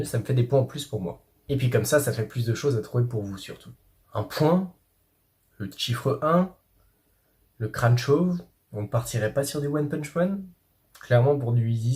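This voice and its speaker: Chatty French man with mellow voice. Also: medium pitch. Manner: chatty, self-congratulating, many fillers. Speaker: YouTuber playing a manga quiz. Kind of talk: casual quiz commentary.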